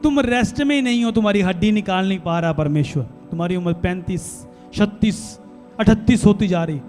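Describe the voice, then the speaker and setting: A pastor with a Punjabi accent preaches to his church in a high, ringing man's voice. He shifts between bold teaching and hushed voicings of worried people, with soft music faintly under him. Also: brisk. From India. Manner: switches between preaching and quiet acted-out quotes of worried people. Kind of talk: sermon.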